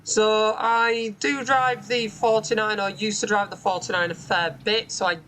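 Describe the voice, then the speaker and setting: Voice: medium pitch, fairly even intonation, moderate pace, pushed and bright, slight background noise, rough recording. Chatty bus-sim host with many ums. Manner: chatty, explanatory, frequent "um" fillers. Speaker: bus simulator channel host. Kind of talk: gameplay commentary. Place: home room with a window onto a street.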